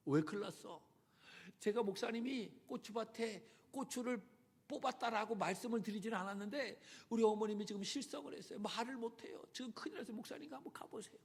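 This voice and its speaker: A woman's voice: a little high, fast talker, a little mellow, breathy edge, pitched above the performer's own voice. A male preacher voicing a panicked young woman calling her pastor at night, speaking in an urgent, pleading rush in a reverberant church.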